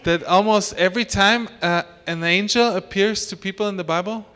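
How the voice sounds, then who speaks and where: High-voiced male preacher in a reverberant church. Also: fairly bright tone, clear, resonant tone. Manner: short phrases with pauses, rhetorical questions. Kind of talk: sermon with consecutive interpretation.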